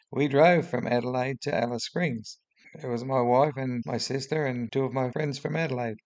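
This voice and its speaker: A man in his seventies with a broad Australian accent and a droning voice, giving blunt, opinionated spoken commentary as a video host. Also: medium pitch. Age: 70s. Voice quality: droning, gravelly.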